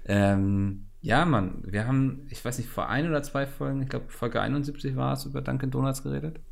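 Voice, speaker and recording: A man's voice: medium pitch, brisk, creaky. A man co-hosting a podcast in casual chat, on a glitchy, peaking microphone. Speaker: podcast co-host.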